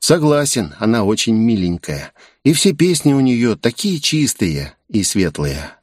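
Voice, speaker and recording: A man's voice: medium pitch, sing-song, measured pace, darkish tone, no echo. A man voicing a bearded bartender who talks in a dry, matter-of-fact way in an audiobook. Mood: wry. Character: bearded middle-aged bartender, dry and pragmatic. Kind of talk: audiobook character voice.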